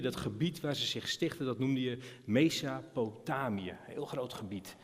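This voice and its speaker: A man with a Dutch accent giving an informal sermon in a church, chatty and hesitant, with many fillers and questions to the congregation. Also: mid-range voice. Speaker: preacher. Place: church hall. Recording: long church reverb.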